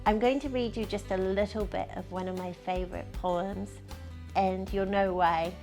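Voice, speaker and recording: A woman's voice: mid-range voice, steady tone, normal speed, darkish tone, soft background music. A woman presenting a book review segment, speaking directly to the audience.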